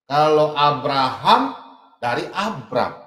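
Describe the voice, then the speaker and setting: A man preaching a heated sermon, emphatic and mocking, swinging between loud outbursts and low asides. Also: very animated, takes it slowly, roomy sound.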